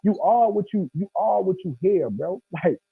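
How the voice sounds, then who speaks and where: Over thin, phone-like video call audio from an indoor room, a man in his thirties with an American accent holds an animated, casual discussion. He talks emphatically in slang, frequently saying "bro," at a moderate pace. His high, expressive voice has vocal fry and a breathy edge, with no echo.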